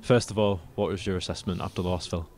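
Brisk low-voiced man asking interview questions. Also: steady tone, darkish tone, slight background noise. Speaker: club media interviewer. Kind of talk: post-match interview questions.

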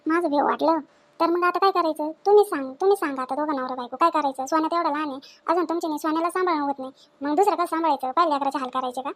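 A middle-aged woman with a very high voice, playing a scolding mother-in-law in a home drama. She fires off demanding questions at a fast clip. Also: fairly bright tone. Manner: scolding, demanding, quick-tempered.

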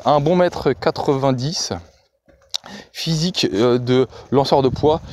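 A man's voice: a little high, darkish tone, a little hiss or hum. A man reading novel excerpts aloud, dramatic, with occasional hesitations and restarts. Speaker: reader.

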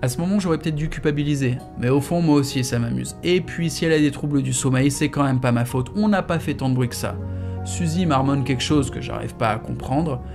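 A man's voice: medium pitch, a little fast, creaky, over music. A man reading a novel aloud in the first person, in a casual, slangy storytelling manner. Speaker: audiobook reader.

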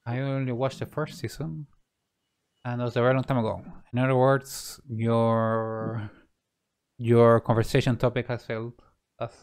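Smooth-voiced man. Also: mid-range voice, level tone, normal speed, darkish tone. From Chile. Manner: laid-back, hesitant with many fillers. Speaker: game developer. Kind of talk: casual live-stream chat.

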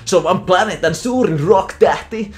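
Brief: a fed-up cartoon teenager, put on by a man, high and strained. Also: lightly acted. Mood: indignant. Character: exasperated teenage cartoon son.

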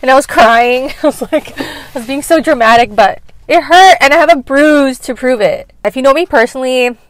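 A woman's voice: high voice, brisk. A young woman chatting casually while eating in her car, full of "like"s and swear words, laughing often. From Canada. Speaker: mukbang vlogger. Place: inside a car, cars passing outside. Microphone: camera in a car.

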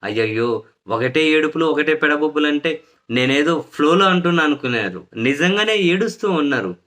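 A man's voice: on the high side, lively intonation, brisk, fairly bright tone. A man delivering a sarcastic, mocking political commentary monologue.

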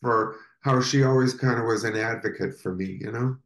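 A man's voice: medium pitch, normal speed, vocal fry, fairly bright tone, reverberant. A man, a guest in a casual interview, tells personal stories with many fillers and restarts.

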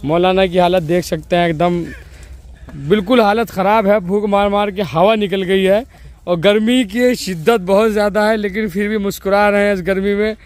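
Out in rural fields and woods, a young man chats upbeat to viewers while walking, filming on a phone held at arm's length as he interviews scout trainees. He speaks at normal speed in a high, steady voice.

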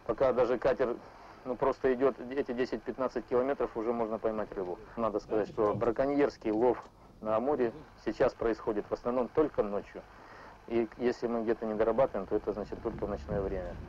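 Fast-talking man, dull documentary sound. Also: medium pitch, steady tone, darkish tone. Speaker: river patrol officer. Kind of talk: documentary interview. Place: small ship's wheelhouse. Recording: dull sound with faint background noise.

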